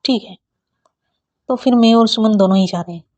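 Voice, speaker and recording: A woman's voice: on the high side, normal speed, a little mellow, dull audio, close to an everyday voice. A woman voicing a playful old grandmother who scolds her granddaughter in a teasing, mock-stern way in a storybook reading. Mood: teasing scolding.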